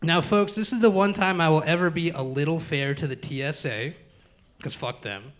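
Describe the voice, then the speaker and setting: A man's voice: on the high side, normal speed. A man from the United States doing a live stand-up set in a comedy club, profane and talking straight to the crowd as folks.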